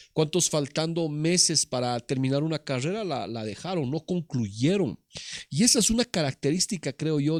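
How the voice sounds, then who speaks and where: Animated male pastor preaching. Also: mid-range voice, no room sound, studio quality. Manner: preaching with rising emphasis and repeated phrases. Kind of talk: sermon. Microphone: online service broadcast.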